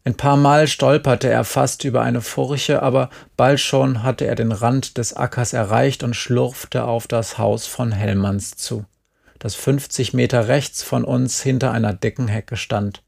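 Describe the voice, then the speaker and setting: A man reading an audiobook aloud in a measured, unhurried narration. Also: mid-range voice, steady tone, vocal fry, a little mellow. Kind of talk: scripted narration.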